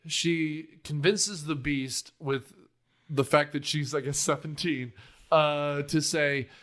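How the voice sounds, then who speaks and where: A middle-aged man hosts a loose movie-review chat in a slightly higher voice. He rambles from tangent to tangent, full of "um"s and casual swearing. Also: fairly bright tone. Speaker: podcast host.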